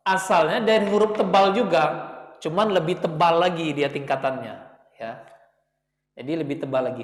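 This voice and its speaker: Man, patient recitation teacher, fairly high voice, roomy echo. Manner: patient, repeats letter sounds slowly for students. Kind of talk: classroom lesson. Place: prayer room. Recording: echoey room with long reverb.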